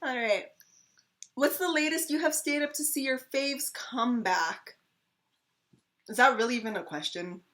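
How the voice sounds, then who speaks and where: A woman's voice: high voice, unhurried, long pauses, fairly bright tone. A woman co-hosting a casual fan Q&A video, telling long rambling stories full of fillers and restarts. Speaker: channel co-host.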